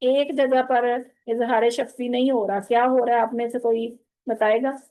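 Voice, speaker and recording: A woman's voice: fairly high pitch, steady tone, measured pace, warm tone, rough recording. A woman with a Pakistani Urdu accent teaching Quran recitation rules online, explaining patiently and quizzing her students. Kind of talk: online tajweed lesson to women students.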